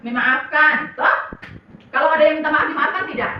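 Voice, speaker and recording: A woman's voice: high voice, steady tone, a little fast, muffled recording, a little hiss or hum. Teacher woman talking to young pupils. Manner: coaxing questions to young pupils. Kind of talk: classroom teaching. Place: classroom. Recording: echoey room from far off.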